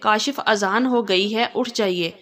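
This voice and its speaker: A woman's voice: mid-range voice, measured pace, a bit bright, natural voice. A woman voicing a sweet, teasing young wife in a read-aloud story. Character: cheeky loving young wife.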